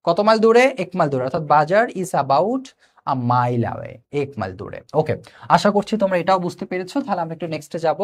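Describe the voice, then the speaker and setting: A male English teacher with a Bangladeshi accent giving a live online class. He asks the students quick questions, answers them himself and slows down to read English lines word by word. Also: fairly high pitch, big pitch swings. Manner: addresses students directly, invites comments.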